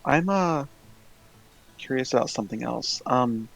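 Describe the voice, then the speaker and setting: A man speaking in character in a tabletop game, hesitant and halting with many pauses and fillers. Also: mid-range voice, expressive, creaky, a bit bright, faint music behind, low-quality recording. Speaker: player. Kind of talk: in-character tabletop role-play.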